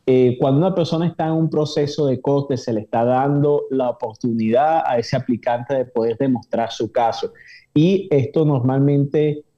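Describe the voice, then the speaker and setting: A man, an immigration lawyer, explaining legal steps in a measured way with frequent hesitation fillers. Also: mid-range voice. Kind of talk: explanatory interview answers. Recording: dull lo-fi audio.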